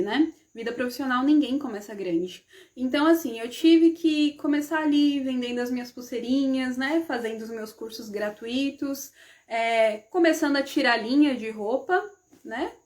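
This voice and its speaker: A woman's voice: fairly high pitch, a little mellow. A woman hosting a live stream, telling stories from her own working life in a casual, chatty way, often checking in with her listeners and acting out the dialogue. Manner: chatty, often adds "né?" and addresses the audience as "gente". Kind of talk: casual personal storytelling.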